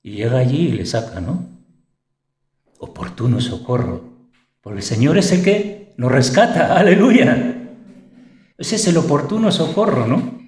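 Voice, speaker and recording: A man's voice: medium pitch, expressive, moderate pace, a little mellow. A man with a Spanish accent from Spain preaching a sermon, passionate and rising to exclamations of praise. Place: church hall. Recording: echoey church room.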